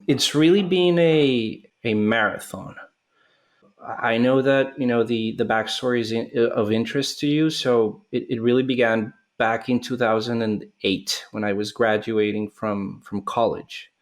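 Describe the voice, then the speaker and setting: A man's voice: mid-range voice, a little slow. A man in his thirties from Colombia, a startup founder answering interview questions in a thoughtful way, with hesitations and restarts.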